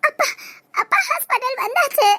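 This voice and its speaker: A woman's voice: very high-pitched, lively intonation, moderate pace, pushed and bright, heavily acted. A woman voicing a panicked young woman who is crying and pleading urgently in an amateur audio drama.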